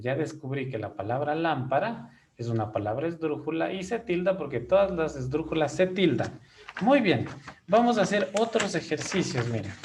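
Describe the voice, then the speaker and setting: A man's voice: fairly high pitch, slight background noise. A man teaching a classroom lesson, explaining each step patiently and checking in with his students often.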